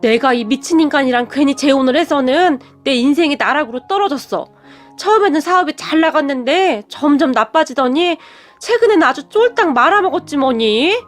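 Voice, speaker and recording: A woman voicing a pleading, destitute middle-aged birth mother who speaks slowly and begs. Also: high voice, expressive, soft background music. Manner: pleading, slow and drawn out.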